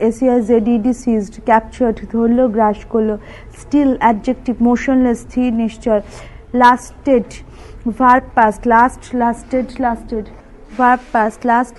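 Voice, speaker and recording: A woman English tutor with a Bengali accent, slowly reading a vocabulary list and spelling words out letter by letter. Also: on the high side, a little mellow, rough recording.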